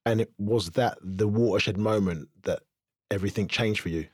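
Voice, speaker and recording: A man's voice: fairly low pitch, normal speed, slightly rough, no echo. A man co-hosting a podcast interview, asking questions and making dry joking remarks. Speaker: podcast co-host. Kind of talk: casual interview chat.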